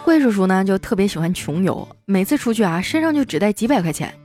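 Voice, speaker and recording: A woman hosting a comedy show, telling scripted joke stories in a lively way and putting on voices for the characters. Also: medium pitch, quick pace, music in the background. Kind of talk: scripted comic storytelling.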